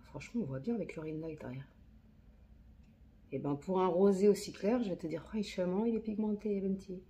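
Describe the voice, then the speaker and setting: Beauty vlogger, woman, casual and slangy, thinks aloud, voice with some vocal fry; phone-recorded. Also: medium pitch, a little fast, mellow. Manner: chatty, slangy, talks to herself. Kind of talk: casual makeup tutorial chat. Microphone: phone camera.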